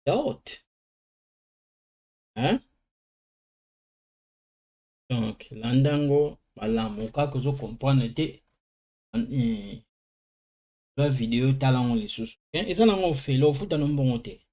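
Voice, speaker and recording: Man slowly drilling English vocabulary. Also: mid-range voice, expressive, dark tone. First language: Lingala. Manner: switches between languages, slow drilling of English words. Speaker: language teacher. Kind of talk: informal vocabulary lesson.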